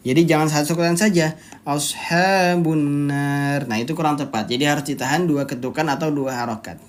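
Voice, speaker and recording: A teacher leading a live online Quran recitation lesson, explaining each rule step by step, quizzing the students and stretching out the recited words slowly to demonstrate them. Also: mid-range voice. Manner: occasional throat clearing with apologies.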